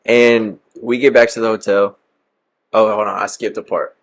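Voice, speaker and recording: A man's voice: fairly low pitch, flat delivery, moderate pace. A young man casually telling a profane story about a night out. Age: young adult. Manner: profane, laid-back storytelling.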